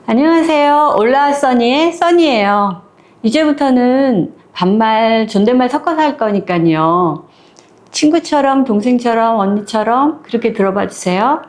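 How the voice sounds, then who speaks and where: A woman casually retelling a short story to her listeners, lively and acting out the characters' lines as she goes. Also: on the high side, a little slow.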